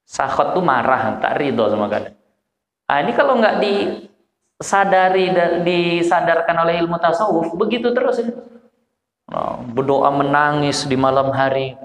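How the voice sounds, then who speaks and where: A man with a Medan Malay accent preaches in a loose, storytelling way at a village study gathering. His delivery is animated, and he drops into low voices as he acts out the people in his stories. His voice rings through an echoey hall with a long tail of reverb. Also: normal speed. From Medan, Indonesia. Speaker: Islamic preacher. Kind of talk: informal religious lecture.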